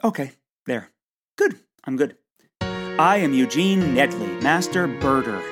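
A man's voice: medium pitch, big pitch swings, slow pace, over music. A man playing a flustered, nervous birder. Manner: flustered, stammering. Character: nervous, clumsy bird-watcher man. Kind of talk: comedic audio drama.

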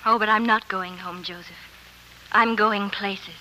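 A woman's voice: medium pitch, fairly even intonation, a little slow, heavy background noise, natural voice. An actress playing an eager young woman who dreams of stardom, breathless, earnest and dramatic, in a 1940s radio play. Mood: dreamy. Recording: old radio broadcast with music.

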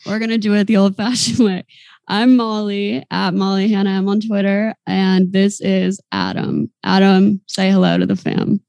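A woman in her twenties with a mid-range, gravelly voice co-hosts a podcast, chatting casually at a moderate pace and telling stories in an animated way, giggling as she goes. There is no echo.

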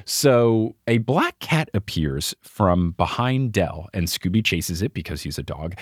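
A man's voice: fairly low pitch, dry recording, clean studio sound. Wry chatty podcast host, a man. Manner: chatty, wry storyteller, keeps score. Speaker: podcast host recapping a cartoon episode. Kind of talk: casual chat.

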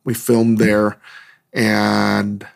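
A hungover man hosting a podcast, talking in a casual, rambling monologue with a halting, musing delivery. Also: on the low side, completely flat delivery, gravelly. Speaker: podcast host.

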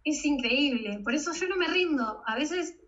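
A young Argentine woman speaks with a high voice and an effusive, animated way of telling stories. She is a guest on a casual podcast, her audio slightly muffled and lo-fi. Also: moderate pace. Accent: Argentine Spanish. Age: 20s.

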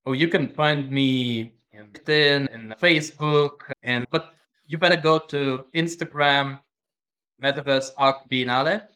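A man being interviewed as a guest, speaking hesitantly and pausing to find his words. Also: mid-range voice, steady tone, pushed and bright, clear, resonant tone. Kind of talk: interview conversation.

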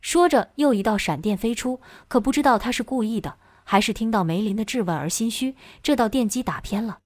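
A woman narrating a novel chapter as an audiobook in steady, even storytelling. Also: on the high side, brisk, no room sound.

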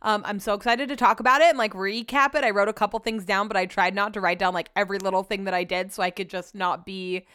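Young american woman doing a chatty podcast, lispy slushy s, slangy, clear voice, dry sound no echo. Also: medium pitch, steady tone, fast, few pauses, a bit bright. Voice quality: lisp, slushy s sounds from dental trays. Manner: chatty, slangy, animatedly quotes herself and others. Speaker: podcast host. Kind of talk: casual solo chat, recounting stories.

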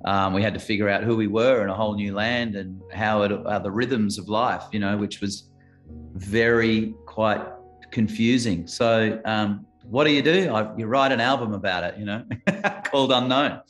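A man's voice: fairly low pitch, moderate pace, faint music behind. An Australian musician in his late thirties, talking reflectively in a rambling interview with many restarts. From Adelaide, South Australia. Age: late 30s. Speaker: musician guest. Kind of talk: casual interview chat.

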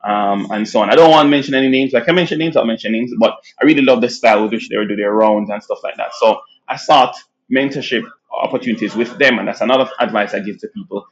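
Jamaican accent guy chatting on a podcast, laughs a lot, keeps restarting his sentences, kinda muffled sound. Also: fairly low pitch. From born in Nigeria, raised in Jamaica. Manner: animated storyteller who laughs often and restarts phrases. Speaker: guest physician. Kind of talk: casual interview chat.

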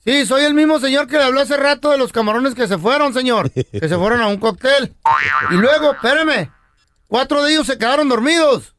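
A man's voice: extremely high pitch, fairly quick, fairly bright tone. A man, a comedy co-host joking and heckling in casual chat.

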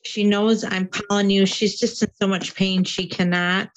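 A woman from Michigan, a caller to a show heard over a call line, speaking hesitantly with many pauses and fillers. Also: mid-range voice, flat delivery, rough recording.

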